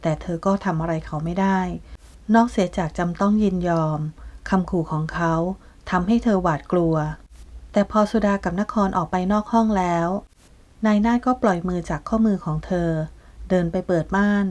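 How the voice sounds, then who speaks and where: A woman's voice: on the low side, moderate pace, darkish tone. Woman narrating an audio novel. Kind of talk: scripted narration.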